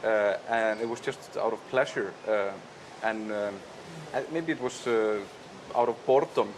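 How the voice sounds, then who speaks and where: A man from Iceland, a film director, answering interview questions in a thoughtful, halting way with many fillers. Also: lowish voice, background noise. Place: outdoor festival terrace with a crowd. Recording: crowd chatter behind.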